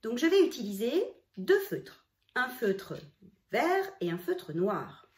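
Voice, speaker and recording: Slow, lively-voiced woman teaching handwriting. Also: fairly high pitch. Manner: slow, step-by-step explaining, addressing the child as "tu". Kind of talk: handwriting lesson for young children. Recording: roomy, echoey room.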